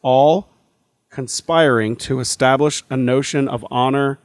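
A man's voice: medium pitch, steady tone, a little slow, dry recording. Rambling man in casual podcast chat. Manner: rambling, thinking aloud with many fillers. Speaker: podcast co-host.

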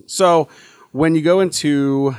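A man's voice: on the high side, fairly even intonation, takes it slowly, darkish tone, smooth, no room sound, studio quality. A man co-hosting a podcast, chatting casually and thinking aloud with many fillers and restarts. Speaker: podcast co-host. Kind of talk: casual chat.

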